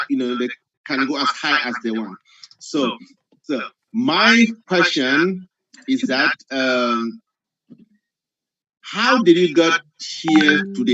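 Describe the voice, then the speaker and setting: A man from Cameroon speaking on a video call, halting and full of "uh"s, with a joking touch. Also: medium pitch, a bit bright. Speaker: conference guest asking questions. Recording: dull lo-fi video call audio.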